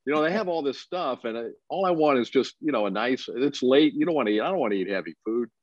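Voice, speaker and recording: A man, a team broadcaster, chatting casually on a podcast and telling stories with a relaxed chuckle. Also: medium pitch, fast, dry recording, muffled recording.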